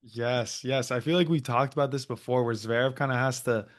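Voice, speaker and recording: A man's voice: medium pitch, fairly even intonation, brisk. A man co-hosting a tennis podcast in a loose, casual chat, laughing often. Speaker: podcast co-host.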